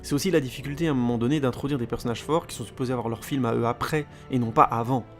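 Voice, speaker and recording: A man's voice: mid-range voice, racing, faint music behind. A man giving a casual spoken film review as a podcaster, rambling with many fillers and repeated words.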